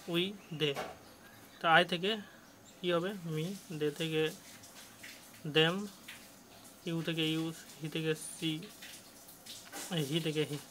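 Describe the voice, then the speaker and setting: A male tutor, teaching a grammar lesson to children and slowly explaining and reading English passages aloud. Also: fairly high pitch, bright, forceful tone, a little hiss or hum.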